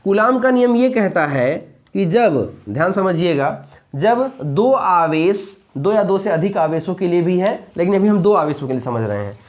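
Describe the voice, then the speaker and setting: A man's voice: high-pitched, sing-song, normal speed. A man teaching a lesson, who poses rhetorical questions and answers them, repeats key points and keeps checking that students follow. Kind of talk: explaining a physics lesson.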